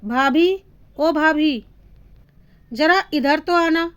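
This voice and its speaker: A woman voicing a sharp-tongued young daughter who scolds her sister-in-law in an indignant way. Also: high-pitched, steady tone, normal speed.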